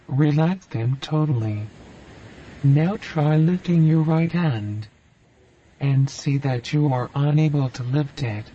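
A man guiding a listener through a hypnosis induction with slow, soothing, repetitive suggestions. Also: on the high side, dark tone, dull audio, slight background noise.

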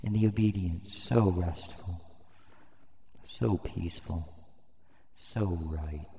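A man leading a slow hypnosis induction in a soft, soothing voice with drawn-out phrasing. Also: deep voice, vocal fry, a little hiss or hum. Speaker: hypnosis narrator. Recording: roomy, long reverb, dull lo-fi sound.

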